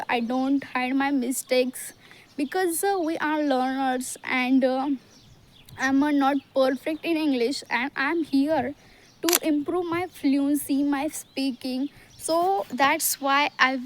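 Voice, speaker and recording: A woman with an Indian accent from Maharashtra, talking to camera in halting learner English with many hesitations and restarts. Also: high voice, a bit bright, a little hiss or hum. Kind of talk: casual talk to camera.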